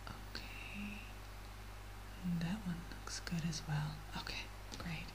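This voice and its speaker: A woman in a soft, breathy whispered role-play as a medical examiner, giving gentle, reassuring instructions. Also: fairly low pitch, steady tone, takes it slowly. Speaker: ASMR performer playing a medical examiner. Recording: clearly audible background noise.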